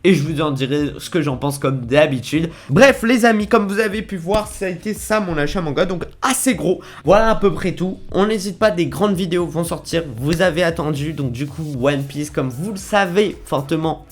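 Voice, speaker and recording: A man's voice: a little high, moderate pace, few pauses. A young man rambling casually to his viewers, with lots of fillers and restarts. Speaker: manga vlogger. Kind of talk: casual chat to camera.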